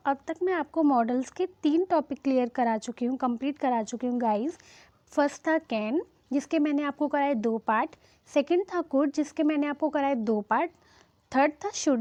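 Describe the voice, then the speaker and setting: High-voiced woman teaching English grammar. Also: no room sound. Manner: repeats "ठीक है?" as a check after each point; reads English example sentences slowly, word by word. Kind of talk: Hindi-medium English grammar lesson. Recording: slightly dull, lo-fi sound.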